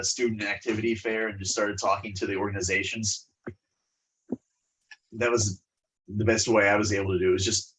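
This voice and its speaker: A man's voice: fairly low pitch, a bit bright, slight background noise, low-quality recording. Congested man presenting in a webinar. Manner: hesitant, many fillers and restarts. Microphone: video call.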